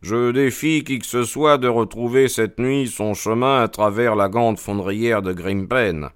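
A man's voice: mid-range voice, unhurried, clean tone, no echo, clean studio sound, lightly acted. A man reading as a cold, commanding detective. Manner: cold, clipped and authoritative. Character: cool, commanding male detective. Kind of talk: audiobook character reading.

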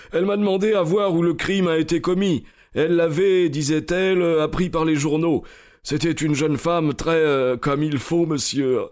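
A man's voice: on the high side, close to an everyday voice. An actor playing a burly, sheepish male police constable who talks hesitantly and apologetically in a radio drama. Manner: hesitant, apologetic, with filler sounds.

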